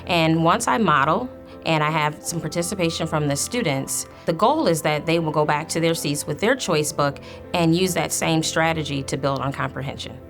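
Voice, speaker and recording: An elementary school teacher explains a lesson, reads aloud and questions her young pupils in an instructive way. Her voice sits low at a moderate pace, with faint music in the background.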